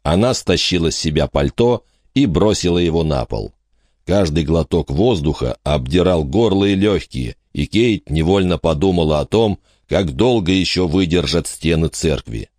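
Man, audiobook narrator, very low voice, lively intonation, dramatic measured reading, dry close recording. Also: no room sound. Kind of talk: scripted narration.

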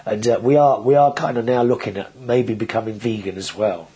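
A man's voice: fairly low pitch, a little fast, dark tone, low-quality recording. A man hosting a casual video show, talking in a chatty, rambling way with frequent restarts. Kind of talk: casual vlog monologue.

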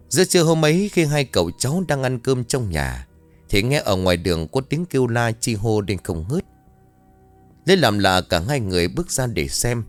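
Low-voiced man narrating a ghost story.

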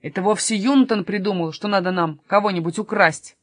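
A woman's voice: medium pitch, fairly quick, dry recording, lightly acted. Grumpy, stubborn robber man, read by a woman, dry close sound. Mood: grumbling. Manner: grumbling, sulky. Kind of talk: storybook reading.

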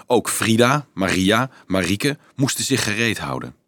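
A man with a low voice narrates a story with expressive, lively rises and falls. The recording is dry and close, with no room sound. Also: unhurried, no room sound. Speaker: audiobook narrator. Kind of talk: scripted narration.

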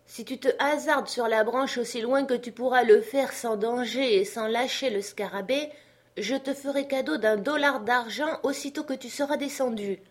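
A woman voicing a feverish gentleman who gives urgent, impatient commands. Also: fairly high pitch, moderate pace, pitched above the performer's own voice, close to an everyday voice. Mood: commanding.

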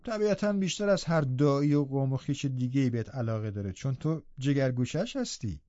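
Kindly middle-aged housekeeper woman played by a man, gentle, reassuring, mellow dark tone, dry close sound. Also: mid-range voice, lively intonation, dry recording, dull audio, lightly acted.

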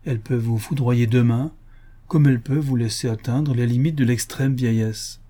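A man voicing an old male family doctor in a read-aloud novel, who speaks frankly and jokes gently. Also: medium pitch, fairly even intonation, normal speed, natural voice. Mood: frank, reassuring.

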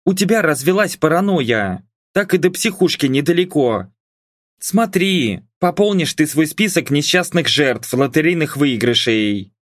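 A man voicing a sharp-tongued young woman who teases and mocks her mother, in an audiobook reading. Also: deep voice, expressive, a little slow, dry recording, studio quality, voice pushed up. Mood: mocking. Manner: mocking, teasing.

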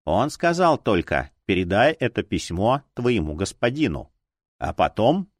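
A man's voice: lowish voice, big pitch swings, measured pace, no echo, clean studio sound, pitched below the performer's own voice, exaggerated voice. A man voicing a laconic, respectful male servant who reports to his master in short replies. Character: calm, terse male servant of a detective.

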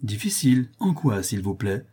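A man reading an audiobook who voices a worldly older society lady, brisk, impatient and mocking. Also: mid-range voice, big pitch swings, dark tone, husky. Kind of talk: audiobook character voice.

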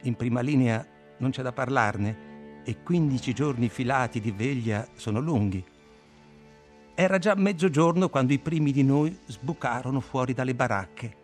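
A man reading a novel aloud as an audiobook, measured and expressive, slowing down on names. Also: medium pitch, faint music behind. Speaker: audiobook reader.

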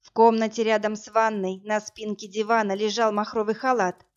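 A woman reading a first-person story aloud as narrator, in a steady, even storytelling manner. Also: medium pitch, normal speed. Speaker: audiobook narrator. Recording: dull lo-fi audiobook, faint music.

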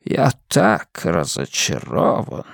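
A man voicing a frail, menacing old villain with a weak, rustling voice, speaking slowly and with cold politeness. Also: low voice, huge pitch swings, gravelly, slightly rough, dry recording, studio quality, pitched below the performer's own voice, heavily acted. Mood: cold menace. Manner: slow, measured, coldly polite.

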